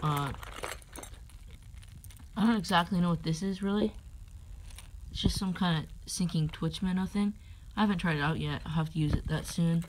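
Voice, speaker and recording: In a carpeted room at home, a man holds his phone camera over his fishing tackle for a casual, unscripted show-and-tell, hesitating, rambling, and tossing in unsure asides. His voice is on the high side at a normal speed with long pauses, and the phone audio is poor with clear background noise.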